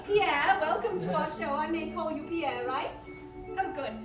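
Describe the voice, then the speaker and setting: A woman's voice: high voice, unhurried, over music. A woman playing a female sex-advice doctor who hosts a comic talk show, courteous, soothing and playfully grand. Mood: welcoming, playful. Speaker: show host. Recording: echoey live venue, distant, noisy audience.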